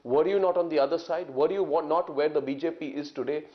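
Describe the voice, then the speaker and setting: Rapid-fire pressing male TV anchor. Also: fairly high pitch, fairly even intonation. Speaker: news anchor. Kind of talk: combative TV interview. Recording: dull TV broadcast audio.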